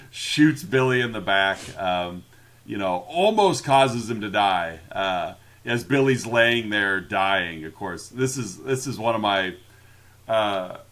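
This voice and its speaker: A man's voice: on the low side, slow. Laughing, chatty man podcast host. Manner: animated, laughing, mock-quoting characters. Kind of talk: casual chat recapping a film.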